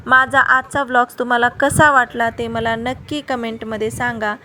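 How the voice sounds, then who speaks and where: Woman family vlogger, high-pitched and chatty, speaking straight to camera with a crisp, bright tone. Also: level tone, moderate pace, a little hiss or hum. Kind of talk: casual vlog sign-off to viewers.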